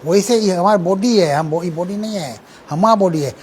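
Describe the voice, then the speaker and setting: A man delivers a scripture sermon in with a high, light voice. He explains patiently and breaks into recited Sanskrit verses. A faint background hiss runs under his words. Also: normal speed, a little mellow, rough recording. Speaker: preacher lecturing on scripture.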